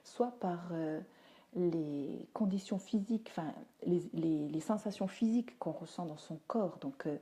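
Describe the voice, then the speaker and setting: A teacher and parenting speaker talks live over a phone or webcam stream, answering viewer comments in a chatty, down-to-earth way full of fillers. Her voice is fairly low, mellow, and a touch slow.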